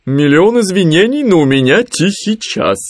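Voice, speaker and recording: A man voicing a fussy, bossy female owl in a storybook, speaking loudly and indignantly. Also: mid-range voice, wildly swooping pitch, unhurried, no room sound.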